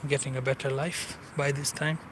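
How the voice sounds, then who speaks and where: Walking outdoors beside a river, this vlogger in his forties gives casual, rambling commentary in English, which isn't his native language, frequently hunting for words. He speaks at normal speed with a medium, flat pitch against a noisy background.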